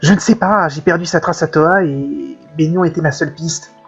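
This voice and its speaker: A man voicing a jumpy young thief, high and anxious. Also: normal speed, gravelly, husky. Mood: eager. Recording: dull lo-fi with faint game music.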